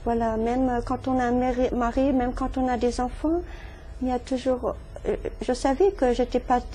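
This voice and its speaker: A woman's voice: on the high side, steady tone, normal speed, warm tone, slight background noise. A middle-aged woman from Germany giving a faith testimony in an interview, hesitant, with many fillers and restarts. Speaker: interviewee, musician.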